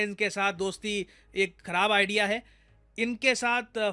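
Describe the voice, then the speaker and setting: A young man with an Indian accent explains foreign affairs in a chatty way and speaks straight to his audience. His voice sits high and sounds bright. It is smooth and clear. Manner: conversational, addresses viewers directly. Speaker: news explainer.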